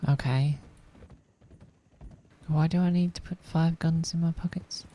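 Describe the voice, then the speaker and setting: A woman's voice: low-pitched, steady tone, unhurried, mellow. A woman speaking in character in a roleplay game, rambling and worried. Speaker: roleplay gamer.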